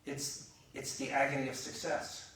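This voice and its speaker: A man's voice: mid-range voice, flat delivery, moderate pace, a bit bright, slight background noise. A man preaching a conversational sermon in a chapel. He talks animatedly and acts out the voices of the people in his examples. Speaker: pastor. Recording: echoey room, mic from a distance.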